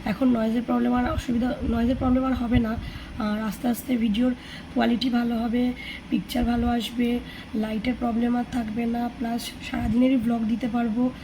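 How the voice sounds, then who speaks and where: Hoarse Bengali woman vlogger. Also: a little high, level tone, a little fast, noisy background. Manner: coaching a child through yoga, counting aloud. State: hoarse from a cold. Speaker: family vlogger. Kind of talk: casual vlog talk to viewers.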